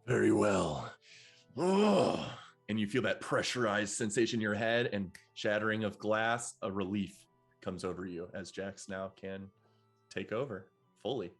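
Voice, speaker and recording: Low-voiced male game master. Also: fairly even intonation, moderate pace, a bit bright, soft background music. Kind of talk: running a tabletop role-playing game.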